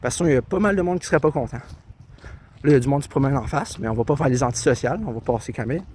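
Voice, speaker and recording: A man's voice: mid-range voice, rapid-fire, mellow, a little hiss or hum. A young man with a Québécois accent chatting casually as he walks a country trail, filming himself on a handheld tablet, rambling and poking fun at himself. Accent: Québécois French. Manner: rambling, chatty, self-mocking. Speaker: vlogger. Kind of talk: casual walking vlog. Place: outdoors, countryside trail by a river and road. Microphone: handheld tablet camera. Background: faint outdoor ambience, birds and passing cars.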